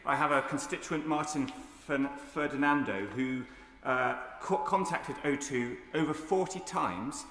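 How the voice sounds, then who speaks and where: A man, a member of parliament, speaking somewhat haltingly in a formal debate in a large chamber. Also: fairly high pitch, a bit bright. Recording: echoey hall with long reverb.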